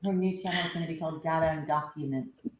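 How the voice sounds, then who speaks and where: A woman's voice: sits low, fast talker, echoey room. A woman co-hosting a casual livestream, teasing her partner and laughing often. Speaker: livestream co-host.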